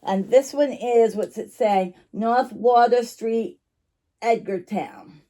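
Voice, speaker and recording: A woman's voice: fairly high pitch, takes it slowly, mellow. A woman chatting casually to camera like a vlogger showing her shop finds, rambling and apologetic, interrupting herself and chewing gum while she talks. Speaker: online vintage shop owner and vlogger.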